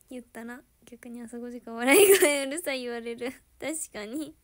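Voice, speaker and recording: A woman chatting casually with viewers on a livestream, giggling often and sometimes dropping to a soft murmur. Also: a little high.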